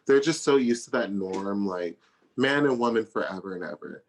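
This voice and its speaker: A woman in her early thirties chats playfully as a guest in a casual interview, laughing easily. Her voice is a rumbling low, expressive, and moves at a normal speed.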